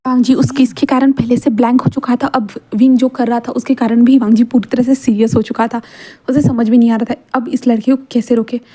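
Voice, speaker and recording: A woman's voice: fairly high pitch, warm tone. A woman telling a fan fiction story in a casual, chatty way, with many fillers and repeated words.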